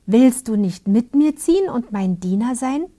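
A bossy storybook soldier, whispered by a woman reading aloud. The lines come slow and hushed in a whispered role-play, pitched a little above the reader's own voice. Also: lively intonation. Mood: curious. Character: gruff angry male soldier leading a band.

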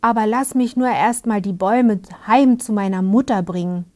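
A woman's voice: mid-range voice, normal speed, a little mellow, natural voice. A woman whispering an eager strongman. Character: strong, eager male woodsman.

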